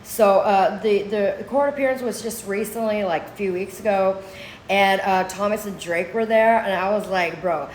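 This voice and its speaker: A woman's voice: medium pitch, normal speed, a little hiss or hum. A woman vlogger casually retelling a story in a mocking, scornful way, with many restarts and filler words. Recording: roomy echo.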